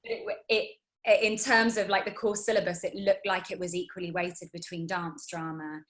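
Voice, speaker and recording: A woman in her thirties with a low-pitched voice chats casually as an interview guest. She rambles, restarting sentences and filling pauses with ums. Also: level tone, rough recording. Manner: chatty, rambling, many fillers and restarts. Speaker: guest actress.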